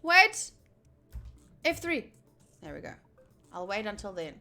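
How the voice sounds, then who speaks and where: Speaking slowly with big pitch swings around a medium pitch, a woman's pushed, bright voice carries her visual novel livestream. She chats casually, reads the game's text out loud, and reacts to it and to viewers while game music plays.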